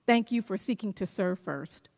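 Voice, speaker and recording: A woman's voice: medium pitch, expressive, moderate pace, a little mellow. Emphatic woman speaking in a big echoing hall. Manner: storytelling, emphatic, repeats key phrases. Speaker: school superintendent giving a commencement speech. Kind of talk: motivational commencement speech. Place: large performing arts hall, on stage. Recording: long reverb of a large hall.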